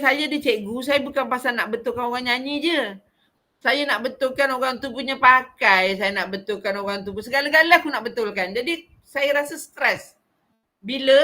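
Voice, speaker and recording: A middle-aged woman with a Malaysian Malay accent, a vocal recitation teacher talking frankly and expressively to her class. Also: a little high. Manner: expressive, frank, animated and talkative. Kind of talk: conversational class talk.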